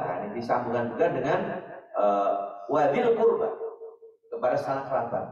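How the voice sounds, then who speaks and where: A man giving a casual, chatty sermon in a mosque, often addressing listeners directly as "Pak". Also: medium pitch. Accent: Indonesian. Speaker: preacher. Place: mosque hall. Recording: echoey hall, distant dull mic.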